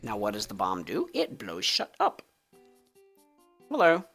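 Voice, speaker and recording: A man's voice: lowish voice, huge pitch swings, a little slow, vocal fry, fairly bright tone, faint music behind. Jokey man streaming a game. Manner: jokey, chatty, laughs often. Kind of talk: casual let's-play commentary.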